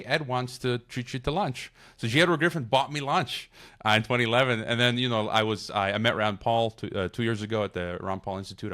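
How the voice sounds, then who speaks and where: A middle-aged Chicago man, appearing as a podcast guest, speaks in a low-leaning voice that's a bit bright, clear and resonant. His casual interview talk rambles and digresses, with frequent restarts.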